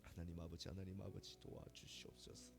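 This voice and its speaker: A man's voice: sits high, moderate pace, over loud music. A male pastor leading a congregation in fervent, pleading prayer, repeating his invocations again and again. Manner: repetitive pleading invocations, rising to impassioned crying out. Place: church sanctuary.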